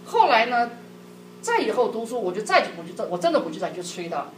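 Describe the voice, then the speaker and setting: A middle-aged woman speaks to a church group about marriage, with a lively, swooping voice and a slightly high pitch. She tells stories about her own life and laughs often. She is picked up from a distance in an echoey hall, and background noise is clearly heard. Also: fast. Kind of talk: sermon-like personal storytelling.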